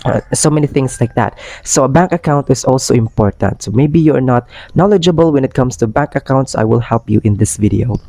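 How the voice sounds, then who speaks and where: A young Filipino vlogger and part-time ESL tutor speaks in an animated, brisk way to his channel, his mellow voice turned hoarse and rough by a cold. His pitch is middling for a man, and his casual talk wanders between English and Tagalog with frequent fillers. There's no room echo; the recording is dry and close.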